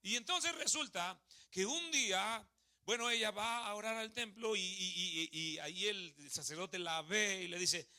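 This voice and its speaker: Lively Mexican preacher, high bright voice. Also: male voice, measured pace. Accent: Mexican Spanish. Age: 30s. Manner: lively, asks the congregation questions and jokes with them. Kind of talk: sermon. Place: church hall.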